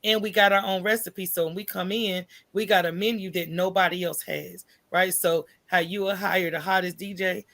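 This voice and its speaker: Her voice is lowish and steady, a bit bright, moving at a moderate pace with few pauses. She's an American podcast guest who runs a coffee business, explaining things informally in casual interview answers and checking in with "right?" and "you know."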